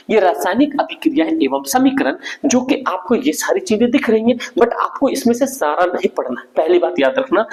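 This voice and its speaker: A man's voice: high-pitched, rough recording. A young man teaching an exam revision lesson in an informal, brotherly way, often checking that students follow along.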